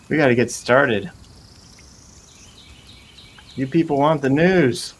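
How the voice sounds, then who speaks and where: Against a noisy backdrop of forest and nature sounds, a male host runs a casual, jokey live show, rambling in a playful, theatrical way. His voice sits in the mid range and he talks extremely slowly.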